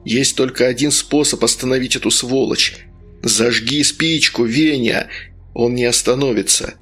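A man's voice: medium pitch, steady tone, measured pace, fairly bright tone, breathy edge, faint music behind. A man voicing a stern, cruel male sorcerer who coaxes and orders in an audiobook. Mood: stern, persuasive. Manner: stern, coaxing, harsh barks.

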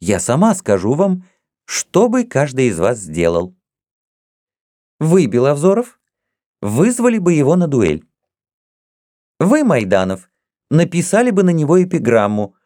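Mocking young princess, haughty and proud, pitched high, read by a man. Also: wildly swooping pitch, measured pace, pauses often, mellow, no echo, studio quality. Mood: teasing. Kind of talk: audiobook reading.

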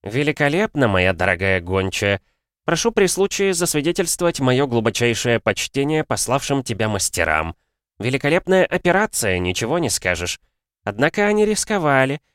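A man's voice: mid-range voice, big pitch swings, moderate pace, fairly bright tone, clear, resonant tone, no room sound, studio quality, pitched above the performer's own voice. A man voicing a scheming male alchemist in an audiobook, talking in a sanctimonious, theatrical way. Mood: mocking praise.

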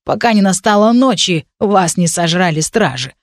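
A woman voicing a gruff, grumbling male goblin doorkeeper in an audiobook, curt and growling. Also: on the low side, lively intonation, moderate pace, no echo, clean studio sound, lightly acted.

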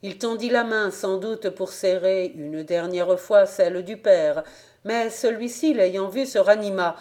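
A woman with a French accent reading a classic novel aloud in a measured, even storytelling manner. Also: medium pitch. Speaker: audiobook reader. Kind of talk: literary audiobook narration.

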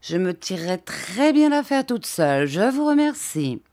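A woman's voice: fairly low pitch, sing-song, normal speed, a little mellow. A woman reading an audiobook voices a brusque, commanding elderly aunt in clipped, imperious tones.

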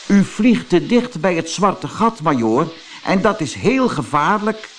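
A man's voice: very animated, unhurried, slight background noise. A man voicing a small, earnest male satellite in a storybook, polite and worried. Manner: earnest, high and bright. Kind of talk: storybook character voice.

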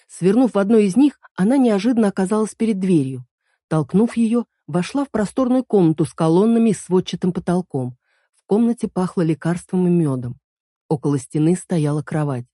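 A woman calmly narrating an audiobook in an even reading manner. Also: lowish voice, brisk, no echo, studio quality.

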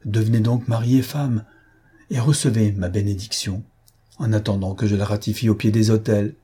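Man doing a strict old priest giving a blessing, slow and grave, kinda raspy. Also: fairly low pitch, fairly even intonation, warm tone. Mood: solemn.

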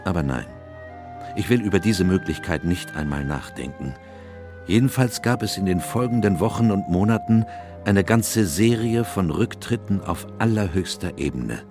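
A man's voice: sits low, normal speed, over music. An actor playing an aged, melancholy English doctor who solemnly narrates his memoirs in a literary radio drama. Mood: grave, reflective. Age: older. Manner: solemn, reflective. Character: aged doctor Watson, weary melancholy chronicler of his friend's cases.

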